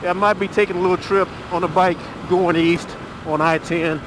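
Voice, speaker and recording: A middle-aged man, chatting casually while riding a motorcycle. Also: high voice. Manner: relaxed, chatty, drawn-out filler pauses. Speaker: motovlogger. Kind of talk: casual ride commentary. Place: riding a motorcycle on a rural road. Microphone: helmet mic. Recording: wind and engine noise from a motorcycle helmet mic. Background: motorcycle engine and road noise.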